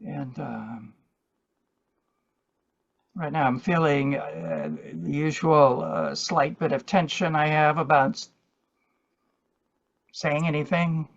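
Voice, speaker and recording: A man hosting a spiritual group, speaking in a measured, reflective way with pauses, on a dull recording. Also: a little high, creaky. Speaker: group host and meditation leader. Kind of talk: spiritual talk and group facilitation.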